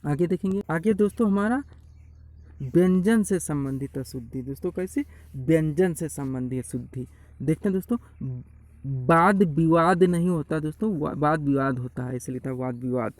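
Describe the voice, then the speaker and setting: A man delivers an online spelling lecture, drilling corrections and calling his viewers friends. His voice sits fairly high but sounds mellow. The recording is dry and close, with faint birdsong behind him. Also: moderate pace, dry recording, poor audio. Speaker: Hindi spelling teacher. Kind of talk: online exam-prep lecture.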